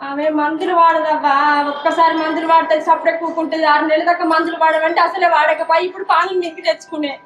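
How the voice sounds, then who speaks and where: An actress playing an older village grandmother who soothes and gently scolds, with a Telangana accent. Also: very high voice, level tone, fast, few pauses, echoey room, a little hiss or hum, rough recording. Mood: soothing. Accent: Telangana Telugu. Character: elderly village grandmother, comforting.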